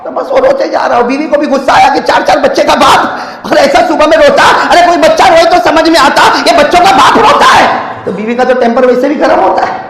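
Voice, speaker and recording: High-voiced preacher man in an echoing mosque. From India. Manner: animated, swinging between shouted exhortation and hushed storytelling; jokes and calls on the congregation to answer aloud. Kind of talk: mosque sermon with humorous stories. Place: mosque hall. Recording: echoey long reverb of a mosque hall.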